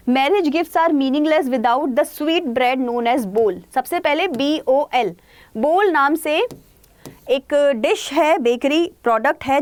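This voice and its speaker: A young Indian woman teaches an online exam-prep lesson in a high, bright voice. She keeps it lively by asking questions and answering them herself, then slows right down to read passages aloud. The recording is close and dry, with no room sound. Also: no echo. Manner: explains in Hindi mixed with English, reads text lines slowly; lively, asks and answers her own questions.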